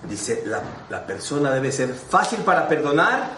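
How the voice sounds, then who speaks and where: A man preaches as a rabbi, telling animated stories and asking his listeners questions. His voice comes from some distance away in a roomy, echoing space. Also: a little high, unhurried, background noise. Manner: animated, storytelling, asks the audience questions. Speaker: rabbi teaching a class. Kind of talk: sermon with stories and rhetorical questions. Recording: echoey room, mic at a distance.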